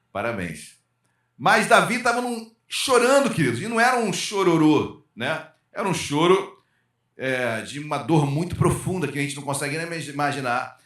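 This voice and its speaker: A man from Rio de preaching a sermon as pastor, calling to the congregation for amens and swinging between loud and hushed. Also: a little high. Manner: calls out to the congregation for amens, rises and drops sharply in loudness. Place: church hall. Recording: echoey church hall.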